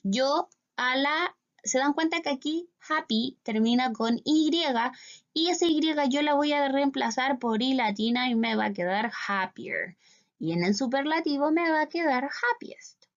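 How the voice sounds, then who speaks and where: A woman's voice: high voice, lively intonation, unhurried, highs cut off. A Chilean woman teaching English to schoolchildren in a recorded class, explaining step by step and often checking with "¿cierto?". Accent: Chilean Spanish.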